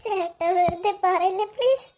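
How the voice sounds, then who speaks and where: A woman's voice: very high voice, moderate pace, mellow. A woman voicing an anxious young woman in a cartoon drama who asks urgent, disbelieving, tearful questions.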